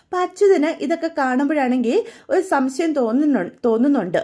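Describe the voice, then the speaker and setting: High-voiced chatty woman storyteller. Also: expressive, a little fast, warm tone. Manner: chatty, acts out every character's lines with shifting pitch. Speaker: storyteller retelling a serial. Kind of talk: casual spoken story retelling.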